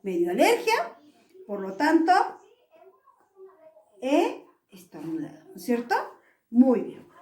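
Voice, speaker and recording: Animated woman teaching small children. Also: fairly high pitch, slow pace, long pauses, echoey room. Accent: Peruvian Spanish. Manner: animated and playful, acts out sneezes and yawns. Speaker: preschool teacher. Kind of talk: lively lesson for young children.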